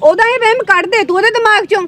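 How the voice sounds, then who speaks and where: A woman playing a sharp, sensible village sister who lectures and scolds firmly, with a Malwai Punjabi accent. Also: extremely high pitch, fast. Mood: stern.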